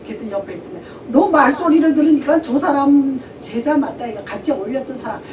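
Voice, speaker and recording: A woman pastor preaches in a lively storytelling way, acting out the dialogue of the figures she describes. Her voice sits a little high. It comes from a distant mic in an echoey church, with clear background noise. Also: fast, highs cut off. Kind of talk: sermon. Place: church sanctuary.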